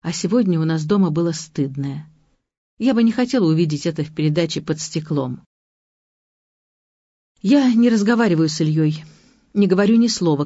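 A woman's voice: fairly low pitch, mellow, no room sound. A woman reading a first-person literary story aloud with anxious, emotional intensity, in a dull, lo-fi audiobook recording. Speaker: audiobook narrator.

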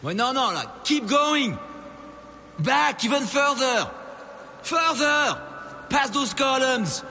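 French heist blaster, high lively voice, barking orders, reverb and score behind. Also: male voice, takes it slowly, long pauses, slight background noise, full character voice. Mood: urgent. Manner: shouting orders. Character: brash male French heist explosives man. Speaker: demolitions expert. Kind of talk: video game acting.

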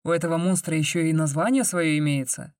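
A woman's voice: low-pitched, fairly even intonation, fast talker, darkish tone, no room sound, studio quality, close to an everyday voice. A woman voicing an easygoing young man who grumbles offhandedly. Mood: grumbling.

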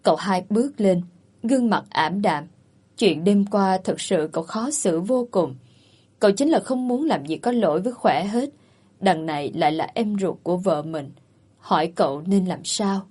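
A woman reads a dramatic story aloud with steady, expressive narration. Her voice is husky and breathy, sitting at an ordinary pitch for a woman. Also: moderate pace.

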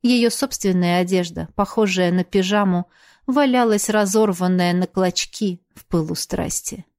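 A woman's voice: on the low side, a little slow, darkish tone. A woman reading dramatic fiction as a scripted audiobook narrator.

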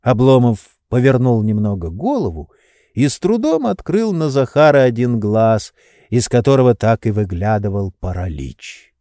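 A man narrating an audiobook in a measured, expressive storytelling manner. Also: medium pitch, no echo, clean studio sound. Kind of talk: scripted narration.

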